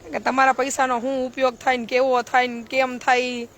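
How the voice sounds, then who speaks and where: Woman, high pitch, outspoken live-stream talk, preachy and blunt, faint noise behind. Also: little pitch movement, a little fast, fairly bright tone. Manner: blunt, preachy, rhetorical questions. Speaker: charity trust social worker.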